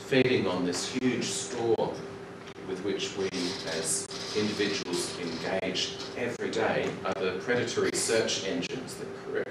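A middle-aged man giving a conference keynote from a podium in a large lecture hall, talking in a measured, reflective way with occasional ums and restarts. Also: deep voice. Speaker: keynote speaker. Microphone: podium mic, recorded by far camera. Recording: echoey hall from far off, loud noise.

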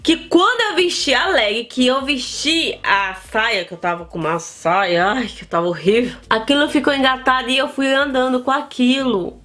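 A woman from Brazil with a northern Brazilian accent, telling a personal story to her viewers in a chatty, animated vlog. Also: high voice, moderate pace, few pauses. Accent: Brazilian Portuguese, northern. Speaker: vlogger. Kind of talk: casual storytelling to camera.

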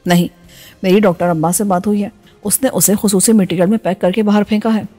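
A woman voicing a calm, confident male agent leading his team, speaking matter-of-factly. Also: medium pitch, a little fast, soft background music, natural voice.

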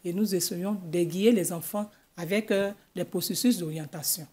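A middle-aged woman with an Ivorian French accent, a school guidance counselor explaining things in a measured way in a TV studio interview. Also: lowish voice, warm tone. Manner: measured, explanatory, gestures with her hands. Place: TV news studio. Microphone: desk microphone.

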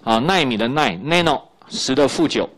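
Chatty Taiwanese-Mandarin physics teacher, lively pitch. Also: male voice, moderate pace. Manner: chatty, repeats key points, tags lines with "ha" and "you know". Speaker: high school physics teacher. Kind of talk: recorded classroom lecture.

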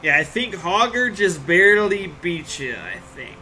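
A man's voice: high voice, big pitch swings, a little slow, sharp tone, slight background noise. Laid-back man streaming a game. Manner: laid-back, rambling, joking with chat. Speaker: farming game live streamer. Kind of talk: casual live-stream chat with viewers.

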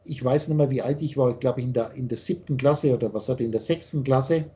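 A man's voice: mid-range voice, a little fast, dark tone. An older man from Austria, lecturing at length as a spiritual teacher over a video call, rambling and insistent, often restarting his sentences.

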